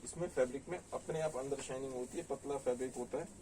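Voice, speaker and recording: Speaking fast in a mid-range, dark voice with fairly even intonation, this man runs a saree shop and sells online. In his Delhi Hindi accent he casually shows garments and calls out prices and sizes. It's recorded from a distance, with slight hiss or hum and poor quality.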